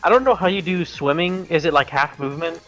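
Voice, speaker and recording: A man's voice: on the high side, quick pace, a bit bright, soft background music. A man playing a tabletop game in casual talk, easygoing and asking about the rules. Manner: easygoing, asks rules questions. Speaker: player.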